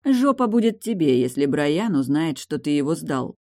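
A woman's voice: low voice, big pitch swings, normal speed, warm tone, no echo, clean studio sound. A woman reading the part of a tough, menacing woman investigator in an audiobook, cold and clipped.

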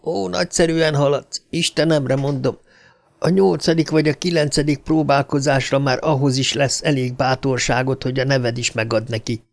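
A man reading the quiet, bitter inner thoughts of a frightened, battered middle-aged woman in an audiobook. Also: mid-range voice, steady tone, creaky, lightly acted. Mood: bitter, shaken. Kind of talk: audiobook character voice.

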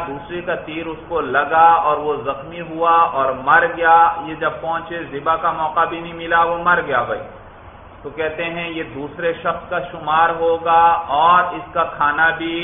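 A man's voice: fairly high pitch, slight background noise. Man lecturing over tinny, echoey audio. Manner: reads Arabic text, then explains step by step; asks questions and answers them himself. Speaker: Islamic law teacher. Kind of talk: classroom lecture. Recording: tinny phone-like echoey room.

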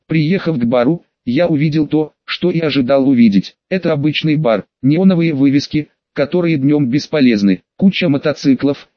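A man narrates an audiobook in the first person with a brash, crude edge. His voice sits a little high for a man. The recording is dry and close, with a dull, lo-fi tone. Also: no room sound.

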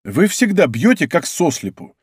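Man doing a brisk, commanding young musketeer. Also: fairly high pitch, big pitch swings, husky, no echo, clean studio sound. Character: bold young male musketeer, quick and commanding.

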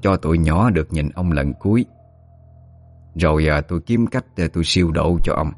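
A man voicing an elderly female village exorcist, speaking slowly and with authority in a Southern Vietnamese accent. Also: low voice, soft background music. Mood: calm. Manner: slow, soothing, commanding.

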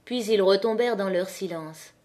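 Expressive woman reading a classic novel. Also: mid-range voice, normal speed. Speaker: audiobook narrator. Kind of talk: audiobook narration of a classic novel.

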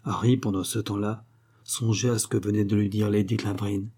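Male audiobook narrator, mellow husky tone, steady classic-novel reading. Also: fairly low pitch, a little fast.

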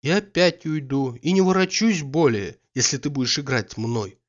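A man's voice: mid-range voice, moderate pace, highs cut off, lightly acted. A man voicing a proud, hurt young noblewoman who speaks coolly and with reproach.

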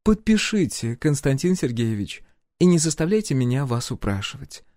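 A man's voice: medium pitch, very animated, moderate pace, mellow, no room sound, studio quality, pitched above the performer's own voice, close to an everyday voice. A man voicing a proud, imperious middle-aged empress who presses her demands with cool politeness and insistent force. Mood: coolly insistent. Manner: insistent, commanding, coolly polite.

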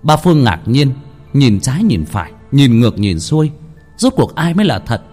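Dramatic storyteller man, lively pitch. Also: moderate pace, soft background music. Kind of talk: narrating a ghost story.

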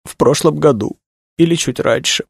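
A man reading a novel aloud, voicing a distraught young woman who is crying and speaks in a halting, high voice. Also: vocal fry, slightly rough, no room sound, studio quality. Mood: tearful. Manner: halting, tearful, high-pitched.

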